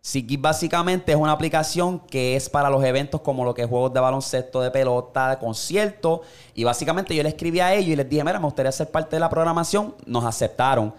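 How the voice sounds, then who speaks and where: A man's voice: medium pitch, a little fast, smooth. A man with a Puerto Rican accent hosting a podcast in casual, slangy chat, reading the sponsor spot himself. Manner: relaxed, slangy, reads ad spots himself. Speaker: podcast host.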